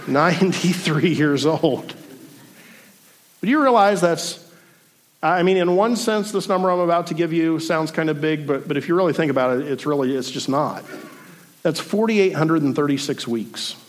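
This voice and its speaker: A man's voice: fairly high pitch, measured pace, pauses often, a little hiss or hum. A man in his forties preaching a sermon to a congregation in a room, reflective and thoughtful, with dry self-deprecating humor. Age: 40s. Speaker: pastor.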